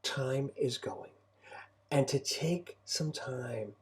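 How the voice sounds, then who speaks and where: In a casual advice conversation, a middle-aged man who co-hosts and homeschools his kids speaks reflectively and encouragingly. His voice is medium in pitch with a darkish tone.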